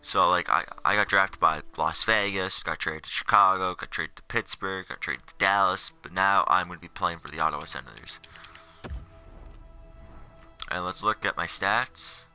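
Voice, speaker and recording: Over game menu footage with background music, a late-teen gamer of seventeen narrates his career mode, rambling casually while tired in the middle of the night. He has a low, sharp-toned voice at a moderate pace with hardly any pauses.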